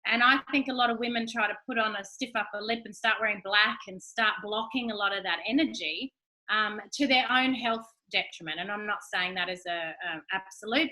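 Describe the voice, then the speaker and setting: A woman in her forties answering audience questions in a frank, animated way, acting out quoted exchanges. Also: medium pitch, low-quality recording. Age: 40s. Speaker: guest speaker. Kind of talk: candid Q&A talk.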